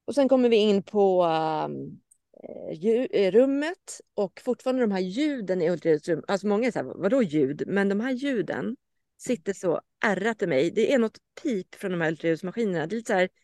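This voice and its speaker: A woman's voice: medium pitch, expressive, warm tone, no room sound, clean studio sound. Emotional woman retelling a hard memory. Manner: emotional, acts out quoted dialogue. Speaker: podcast co-host. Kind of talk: personal story in casual chat.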